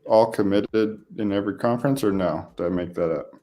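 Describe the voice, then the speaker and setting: Low-voiced man with dry humor. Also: a little fast, dark tone. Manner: dry, playful asides. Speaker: co-host. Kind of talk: casual live-stream chat.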